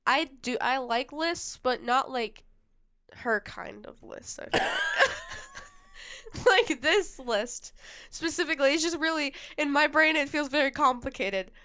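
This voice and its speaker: A woman's voice: sits high, unhurried, sharp tone. A woman co-hosting a book-review podcast, talking casually in a hesitant, rambling way with many fillers and giggles. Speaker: podcast co-host.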